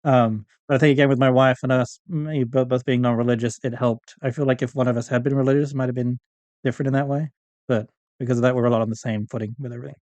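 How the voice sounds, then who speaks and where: A middle-aged man, an audio fiction writer appearing as a podcast guest, chats casually and ramblingly in a conversational interview. His mid-range voice is steady, fast and a little mellow, with no room sound.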